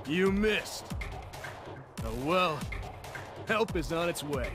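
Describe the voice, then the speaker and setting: Casting: theatrical, gloating movie villain for a video game, high-pitched, extremely slow. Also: male voice, lively intonation. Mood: smug, taunting. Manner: movie villain, taunting, drawn-out delivery. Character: gloating male villain on the run, smug and theatrical. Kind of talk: video game cutscene acting. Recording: game audio under loud music.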